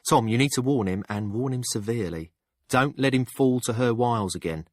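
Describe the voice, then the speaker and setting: A man's voice: medium pitch, brisk, pitched above the performer's own voice, natural voice. A man voicing a blunt, shrewd middle-aged townswoman who reads palms, speaking frankly in an audiobook. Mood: earnest. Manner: frank and sharp-tongued. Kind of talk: audiobook character voice.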